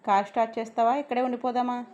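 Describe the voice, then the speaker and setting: A woman voicing a feisty, sharp-tongued heroine. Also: on the high side, fairly even intonation, very fast, lo-fi sound, voice pushed up, natural voice. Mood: bold.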